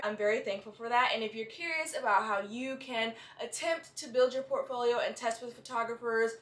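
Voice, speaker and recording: A woman's voice: on the high side, a bit bright. A young woman talking casually to camera as an explanatory vlogger, with a slight lisp from wearing retainers. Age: young adult. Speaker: vlogger, model giving advice. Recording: roomy indoor echo.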